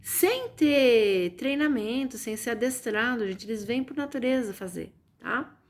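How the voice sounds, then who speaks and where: A woman's voice: on the high side, lively intonation, measured pace. A woman with a Brazilian Portuguese accent hosting a casual spiritual live stream from home, chatty and often turning to her viewers. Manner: chatty, keeps addressing viewers with "gente" and "né". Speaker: live-stream host and reiki teacher.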